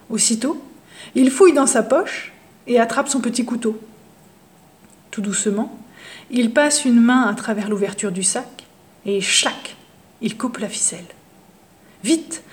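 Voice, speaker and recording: A woman reading a children's story aloud, lively and expressive, hushing for suspense. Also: fairly high pitch.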